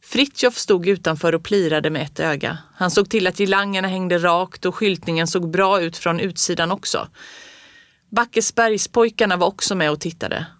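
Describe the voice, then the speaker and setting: A woman reading a children's storybook aloud in a calm, even storytelling voice. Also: on the low side, dry recording, clean studio sound.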